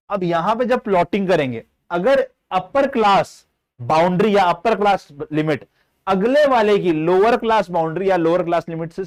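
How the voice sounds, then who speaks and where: Man teaching a live class. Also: fairly high pitch. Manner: explains step by step, often checks if students follow; addresses students fondly as child and brother. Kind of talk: live online statistics lesson.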